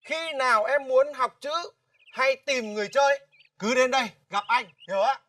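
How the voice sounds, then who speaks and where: Một nam diễn viên trẻ giọng miền Bắc đóng vai một chàng trai hiền lành, kiên nhẫn, đối xử như người anh với một cậu bé trong phim hài truyền hình. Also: male voice, very high voice, moderate pace, no room sound. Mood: gentle. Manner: gentle, patient, brotherly. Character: kind young man, gentle big brother to a boy. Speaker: actor in a TV comedy series. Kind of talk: folk comedy TV drama acting. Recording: distant mic, faint music behind.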